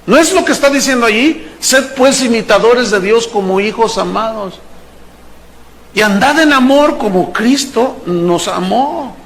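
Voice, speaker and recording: Male pastor, high voice, lively and playful sermon delivery with acted-out asides. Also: unhurried. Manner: animated, playful preaching, acts out characters and jokes.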